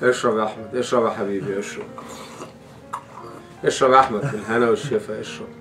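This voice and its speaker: An actor with an Egyptian accent playing a menacing police officer who interrogates a prisoner, coaxing softly and then threatening harshly. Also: male voice, high voice, animated, quick pace. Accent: Egyptian Arabic. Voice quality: switches between mock-soft coaxing and harsh threats. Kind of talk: Egyptian web drama acting. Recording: distant mic with music underneath.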